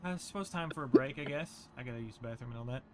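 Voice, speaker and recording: A man's voice: mid-range voice, rapid-fire, dark tone, a little hiss or hum. A man acting as game master, chatting loosely and joking with his players during a break. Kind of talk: casual chat between game sessions.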